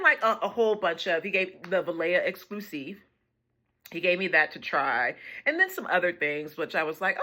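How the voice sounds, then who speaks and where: Bright-voiced chatty woman vlogger. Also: on the low side. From United States. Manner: chatty, laughs often, quotes others in dialogue. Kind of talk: casual storytelling.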